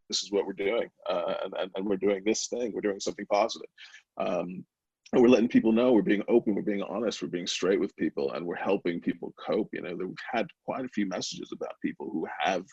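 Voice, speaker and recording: A middle-aged man with a low, husky, gravelly voice shares a personal story in a candid, rambling way. He keeps breaking into the voices of the people he quotes. The recording is dry and close but a little dull and lo-fi. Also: no room sound. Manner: candid, rambling, animated quoting of others. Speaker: podcast guest, brownie company founder. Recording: slightly dull, lo-fi remote audio.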